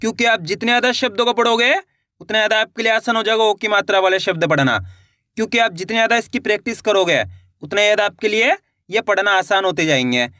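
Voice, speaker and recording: A man teaching reading online, sounding out each syllable slowly and encouraging viewers to keep trying. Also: high-pitched, sharp tone, no echo. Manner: spells words syllable by syllable, slow and drawn out; encouraging, addresses viewers as friends.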